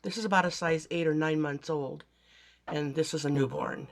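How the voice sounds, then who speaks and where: A yarn crafting vlogger, hoarse from a bad cold with a raspy voice, chatting casually to viewers about finished projects. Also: medium pitch, steady tone, normal speed. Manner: chatty, meandering, talks to viewers directly. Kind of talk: casual show-and-tell vlog.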